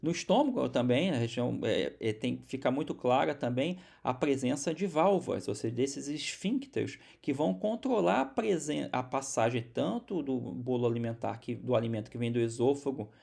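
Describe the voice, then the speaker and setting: A man's voice: mid-range voice, animated, normal speed, creaky, few pauses, a little mellow. A man from Brazil giving a recorded university biology lecture, explaining step by step with many restarts and repeated words.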